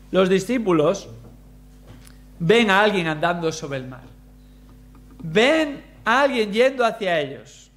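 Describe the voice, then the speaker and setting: A man preaching a sermon, expressive, using rhetorical questions and shifting pace for emphasis. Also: high-pitched.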